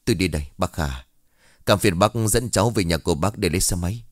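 A young police officer speaks quickly and politely, in a hurry to leave. A male narrator plays him. His voice is low and dry. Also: no room sound, close to an everyday voice. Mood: hurried.

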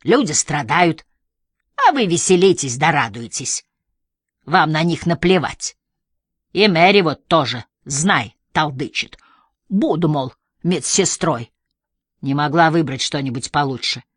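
A cranky old man creaks out his complaints, slow and resentful, as a woman reader puts him on. The voice sits low and sounds dry and close. It is an audiobook character voice. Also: animated, no room sound, exaggerated voice. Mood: bitter. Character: grumpy bitter old lodge-keeper father.

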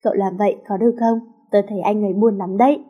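A woman voicing a caring teenage schoolgirl best friend who chats and gently nags. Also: mid-range voice, fairly even intonation, quick pace, slightly rough, muffled recording, lightly acted. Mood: chatty.

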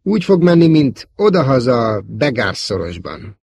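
A man voicing a bold young male rebel fighter pilot who shouts urgent commands. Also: medium pitch, expressive, breathy edge, no echo, voice pushed up. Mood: urgent commanding.

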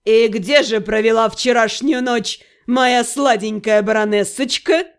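A woman's voice: fairly high pitch, steady tone, smooth, pitched below the performer's own voice. A woman voicing a drunk, arrogant young prince who drawls and sneers menacingly. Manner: slow, drawn-out, sneering.

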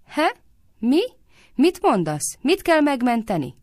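A woman voicing a young cowherd husband who complains and is slow to catch on. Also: low voice, lively intonation, dry recording, clean studio sound. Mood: grumbling. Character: dim-witted young cowherd husband, grumbling.

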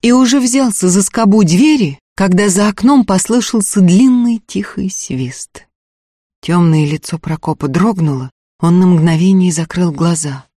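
A man narrating an audiobook in a measured storytelling voice. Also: sits high, warm tone, no echo, clean studio sound. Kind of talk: scripted narration.

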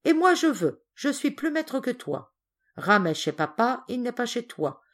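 Woman playing a spoiled cruel boy, bossy, sneering, high lively voice, storybook. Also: normal speed, natural voice. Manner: commanding, sneering.

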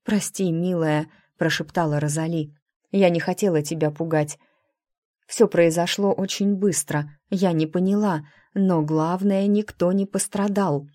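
A caring older sister , voiced by a woman reader, who speaks gently but will not budge. Her voice is low and recorded close and dry. It is quiet audiobook storytelling. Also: steady tone, a little slow, no echo, close to an everyday voice. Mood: gentle, firm. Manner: gentle but firm, scolding softly. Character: caring, protective young woman, elder sister.

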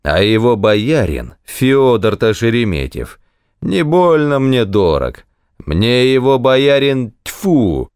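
A man voicing a drunken, bullying male clerk who shouts coarse orders in an audiobook story. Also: medium pitch, big pitch swings, slow, smooth, no room sound, studio quality, pitched above the performer's own voice. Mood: jeering. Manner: shouting, coarse, slurred and bragging.

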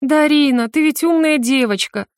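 A woman's voice: on the high side, normal speed, no room sound, clean studio sound, close to an everyday voice. A woman voicing a scheming, powerful female witch leader who talks down to others in a silky, condescending way.

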